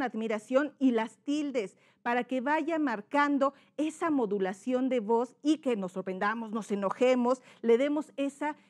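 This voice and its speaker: Mexican woman teacher explaining. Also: fairly high pitch. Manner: explanatory, frequent check-ins, demonstrates readings badly then well. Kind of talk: educational lesson on reading aloud.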